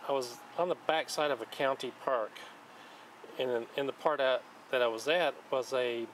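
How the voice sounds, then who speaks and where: A man hosting his own channel, calmly walking through the items he found one by one in casual show-and-tell narration, recorded outdoors on a dock. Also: medium pitch, a little hiss or hum. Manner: plain, unhurried, listing items one by one. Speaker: channel host showing magnet fishing finds. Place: outdoors on a wooden dock by a lake.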